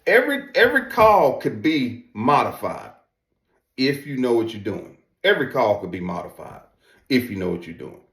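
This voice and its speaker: Here the duck-call reviewer sounds very animated, with a medium-pitched, fairly bright tone at a normal speed. It's a casual, folksy demonstration full of emphatic repetition, captured with roomy echo.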